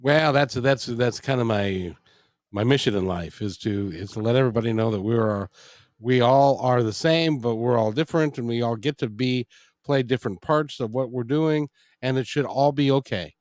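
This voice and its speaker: Earnest male host, mid-pitched voice, dry close sound. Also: moderate pace, a little mellow, no room sound. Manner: earnest, repeats words when starting sentences. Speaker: interview host. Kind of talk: casual interview chat.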